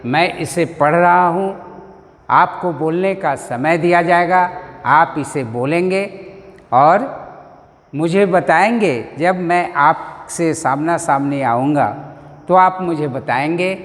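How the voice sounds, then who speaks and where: A man's voice: fairly high pitch, in a large hall. A man teaching a language lesson, speaking patiently and drilling letters for pupils to repeat. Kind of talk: slow spoken language lesson.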